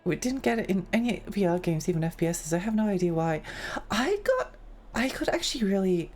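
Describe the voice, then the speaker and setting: Very animated and fairly quick, this young woman streams and reads chat to her viewers, rambling and giggling as she goes. Her mid-range voice has a darkish tone and a worn edge from losing her voice.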